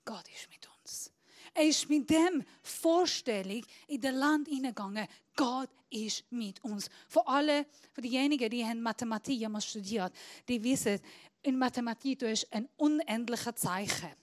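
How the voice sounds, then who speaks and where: Predigerin, die schreit und flüstert. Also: female voice, a little high, normal speed. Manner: swings between loud shouting and hushed whispers. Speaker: preacher. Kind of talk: sermon.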